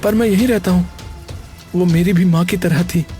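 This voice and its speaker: Man doing a high-voiced timid young cartoon man, dark mellow tone, faint music. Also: normal speed, natural voice. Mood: pleading. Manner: pleading, soft-spoken. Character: gentle, timid young man, devoted to adoptive mother.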